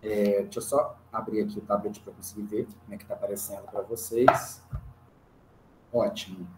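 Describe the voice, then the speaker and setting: A man's voice: lowish voice, fairly even intonation, moderate pace. A man with a Brazilian Portuguese accent teaching an online music theory class, patiently explaining and counting rhythm syllables aloud. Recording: roomy echo, faint hiss.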